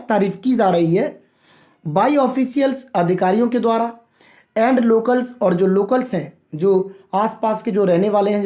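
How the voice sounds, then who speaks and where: A man teaching English vocabulary from a newspaper, reading phrases slowly and explaining each in Hindi, repeating himself and addressing viewers as friends. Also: high-pitched, warm tone. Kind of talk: line-by-line newspaper vocabulary lesson.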